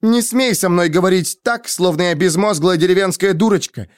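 A proud, quick-tempered young woman, voiced by a man reading an audiobook, sharp and scornful. The voice sits high and heated, every line cutting. The studio sound is dry and close. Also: dry recording, natural voice. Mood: indignant.

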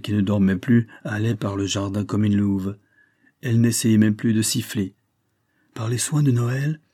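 Brief: male narrator, low dark voice, slightly husky, calm measured audiobook reading. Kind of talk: scripted narration of a novel.

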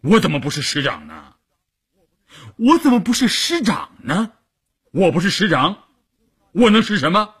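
A man's voice: high voice, wildly swooping pitch, normal speed, long pauses, a bit bright, voice pushed up, heavily acted. A man playing a blunt army commander. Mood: exasperated. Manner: gruff, exasperated, chuckling. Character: blunt, stubborn middle-aged army division commander.

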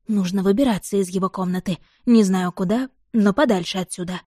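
Female audiobook narrator, first-person fiction, mellow dark tone, dry close recording. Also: medium pitch, fairly quick, no room sound.

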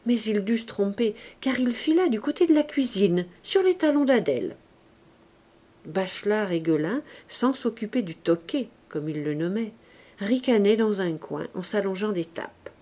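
A woman reading a classic novel aloud in measured, expressive narration. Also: mid-range voice. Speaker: audiobook reader. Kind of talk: literary audiobook narration.

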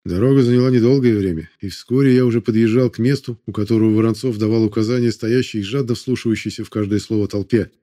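A man narrating a war novel audiobook in a steady, measured reading. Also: on the low side.

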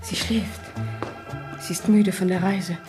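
An actress playing an anxious young wife in a radio play, gentle and pleading. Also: female voice, medium pitch, fairly even intonation, slow pace, soft background music, natural voice.

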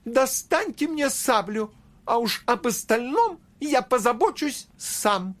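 A man voicing a courteous, brave male nutcracker doll that speaks slowly and nobly in a storybook reading. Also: extremely high pitch, sing-song, fairly bright tone, pitched above the performer's own voice, heavily acted. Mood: gallant.

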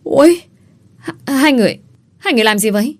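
A woman voicing a young female servant who shrieks loud accusations in an audiobook. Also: medium pitch, animated, moderate pace, dry recording, lightly acted. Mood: shrill.

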